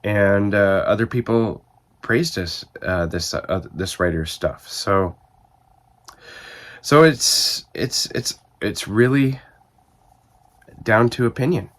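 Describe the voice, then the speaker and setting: A man with a cold, his voice rough and stuffed up, chatting casually to camera about reading and rambling as he thinks aloud with many restarts. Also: fairly low pitch, animated, slow pace, pauses often. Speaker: book video host.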